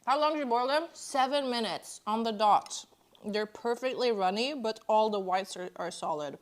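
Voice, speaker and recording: At a normal speed and in a slightly high voice, a chatty woman from Norway, Norwegian being her first language, eats on stream and makes casual conversation. The streamer talks between bites and reads out what the chat says.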